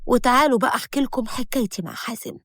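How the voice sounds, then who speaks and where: A woman with an Egyptian accent narrating a first-person story in a brisk, dramatic way. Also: fairly high pitch, fairly bright tone, no echo. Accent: Egyptian Arabic.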